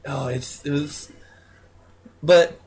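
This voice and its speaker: A man's voice: fairly high pitch, fairly even intonation, very slow, creaky, noisy background. A man co-hosting a podcast, telling a ranting story in casual chat with some swearing. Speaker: podcast co-host.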